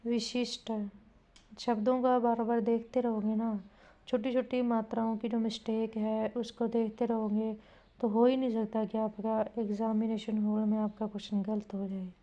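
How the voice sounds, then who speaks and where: A woman's voice: on the high side, level tone, moderate pace, warm tone, highs cut off. A woman teaching Hindi spelling to exam students, repeating each word and quizzing the class. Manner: repetitive, drilling, asks students questions.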